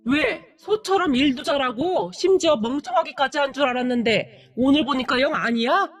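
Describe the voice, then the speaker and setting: A woman's voice: sits high, animated, normal speed, faint music behind. A woman doing a blunt, scolding older mother-in-law. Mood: stern. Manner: curt, scolding.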